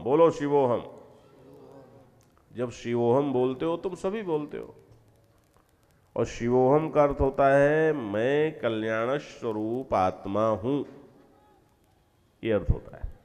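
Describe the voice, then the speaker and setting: In a large hall, a male spiritual teacher gives a devotional talk to a gathering, explaining step by step and frequently telling listeners to listen closely. He has a mid-range voice with a darkish tone.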